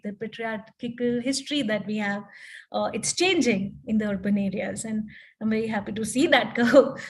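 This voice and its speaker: Woman counselor, high-pitched voice, explanatory, keeps asking "right?" to check in. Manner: explanatory, frequent tag questions. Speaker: life coach and counselor. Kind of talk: online panel talk.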